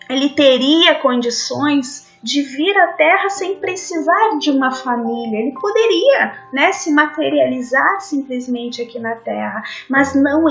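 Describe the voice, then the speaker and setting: High-voiced woman giving a slow devotional talk. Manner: earnest, addresses listeners as friends. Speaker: spiritist lecturer. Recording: dull lo-fi audio with faint music.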